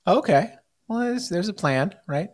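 A man's voice: high-pitched, lively intonation, measured pace. An American man hosting a podcast in casual chat, rambling with many fillers and restarts. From United States. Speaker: podcast host.

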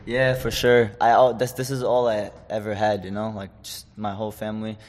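Young fighter from Chechnya, lower-pitched man, casual interview talk, some hall reverb. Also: flat delivery, a little fast. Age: 20s. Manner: loose, rambling, many fillers and restarts. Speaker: guest, amateur fighter.

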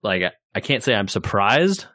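A man co-hosting a podcast, chatting casually about gaming news in a relaxed, rambling way. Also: lowish voice, normal speed, dry recording, clean studio sound. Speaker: podcast co-host.

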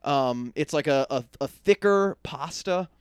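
A man chatting on a podcast, swearing freely and slipping into his relatives' voices as he tells a story. His voice sits a touch high and comes through clean and smooth, recorded dry and close. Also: a little slow, dry recording. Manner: animated storytelling, profane, mimics relatives. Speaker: podcast co-host. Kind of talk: casual podcast chat.

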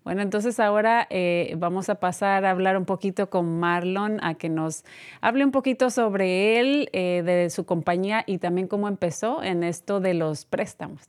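A woman's voice: mid-range voice, normal speed, dry recording, clean studio sound. A woman hosting a live interview show, asking long questions with many fillers and tag questions. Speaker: talk show host.

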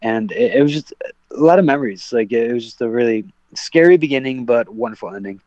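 A man's voice: mid-range voice, lively intonation, a little fast, a little mellow, no room sound. A man, a professional fighter, telling a story on a podcast in a casual, rambling way with lots of fillers and restarts. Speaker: guest, professional MMA fighter. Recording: dull lo-fi, dry sound.

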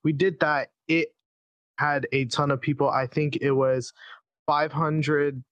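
A young man in his twenties, an event creator telling how it began in quick, earnest casual storytelling. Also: a little high, little pitch movement, fairly bright tone, no echo, dull audio.

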